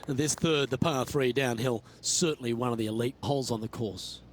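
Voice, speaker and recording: A man's voice: mid-range voice, normal speed, slight background noise. A man giving golf commentary as the lead announcer of a tournament.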